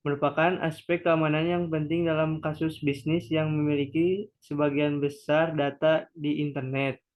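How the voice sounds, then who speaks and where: A man's voice: a little high, little pitch movement, moderate pace, rough recording. A man reading a class presentation on computer security aloud, stumbling and restarting often as he reads from notes. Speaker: student presenter.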